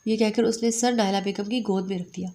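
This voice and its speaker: A woman narrating a romantic novel in a steady storytelling delivery. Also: mid-range voice. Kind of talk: romantic novel read aloud.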